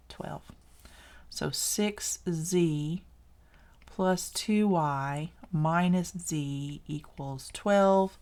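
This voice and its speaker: In a casual recorded algebra lesson, a Southern-accented math teacher chats, encourages, and catches her own errors as she works through problems. She has a low voice with a darkish tone.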